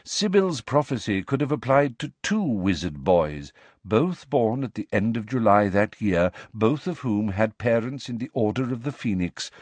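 A grave old wizard headmaster, put on by a male reader, unhurried and courteous. His speech is measured and gentle, with lively rises and falls. Dry, close storybook sound. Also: lowish voice, no echo.

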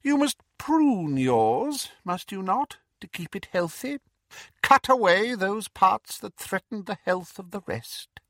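A cold, cruel dark lord of a storybook, as a male reader puts him on, pitched well above the reader's own voice and drawn out slowly. The voice stays quiet yet menacing, bright-edged and close in a dry booth. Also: big pitch swings, no echo, full character voice. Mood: cold menace. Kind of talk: audiobook character voice.

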